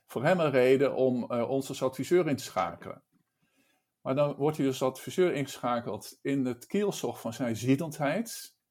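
A man's voice: medium pitch, darkish tone. A man leading a discussion, speaking thoughtfully and often restarting his phrases. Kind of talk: casual discussion.

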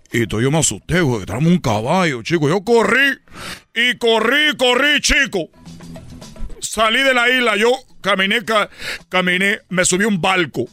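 Radio comedy host, male, slightly high voice, rambling and excitable storyteller. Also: smooth. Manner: rambling, excitable, stammering story with running jokes.

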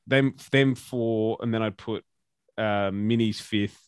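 A man's voice: on the low side, fairly even intonation, slow, smooth, dry recording, clean studio sound. A man co-hosting a casual podcast, rambling with restarts and casual swearing. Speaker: podcast co-host.

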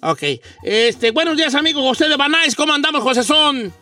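A man's voice: very high voice, fairly quick, bright, forceful tone. A man playing a joking older radio host, mexican accent, a bit far from the mic, faint music behind. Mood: bantering. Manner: teasing, joking, rambling. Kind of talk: comic radio call-in chat.

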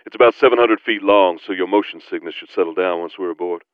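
A man voicing a patient, knowledgeable male companion who calmly explains things. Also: low-pitched, fast, smooth, no echo, dull audio, natural voice. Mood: explaining.

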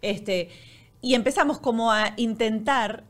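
A woman hosting a relaxed talk show conversation. Her voice sits a little high, and she asks probing questions in a loose, chatty way, often pausing on fillers. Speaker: host. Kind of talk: casual conversation.

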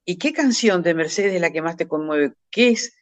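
A woman's voice: lowish voice, lively intonation, normal speed. A woman with an Argentine accent hosting a radio interview, announcing and asking questions in an admiring tone. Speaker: radio host. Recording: dull lo-fi radio sound.

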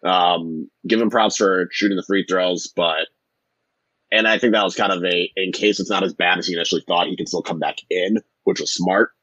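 A man's voice: low voice, steady tone, normal speed, a bit bright, no echo. A man co-hosting a sports podcast in casual chat, on slightly dull audio. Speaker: podcast co-host.

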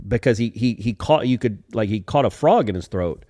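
A man hosting a casual sports podcast, animated and rambling, with many restarts. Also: lowish voice, a little fast, no room sound, clean studio sound.

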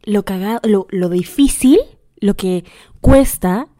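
A woman's voice: medium pitch, slow pace, mellow. Playful young woman podcast host. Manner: playful, teasing, calls listener pet names, drops into whispers. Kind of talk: casual advice monologue.

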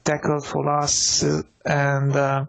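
Chatty man with a highish voice. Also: completely flat delivery, takes it slowly, gravelly. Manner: rambling, many restarts and fillers. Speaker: podcast co-host. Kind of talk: casual sports chat.

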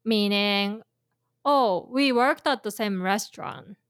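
A woman's voice: medium pitch, takes it slowly, fairly bright tone, clear, resonant tone, dry recording, studio quality. A woman teaching Japanese in a casual chat, explaining with imagined scenarios and plenty of fillers. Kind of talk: casual language lesson chat.

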